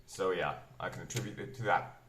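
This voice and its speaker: A man in his twenties from Belgium, whose first language is the Flemish dialect of Dutch, gives a casual bookshelf tour at home as a book vlogger, rambling, correcting himself and taking his time. His deep, slightly bright voice carries a Flemish accent that mixes American and British English. The room is echoey, and there's a little hiss or hum.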